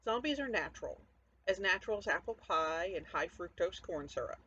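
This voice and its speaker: A woman with a fairly low voice talks in an animated, slightly quick way, her tone pushed and bright with a breathy edge. She's an author casually introducing a reading of her own fiction from home. The audio is dull and lo-fi, with noticeable background noise.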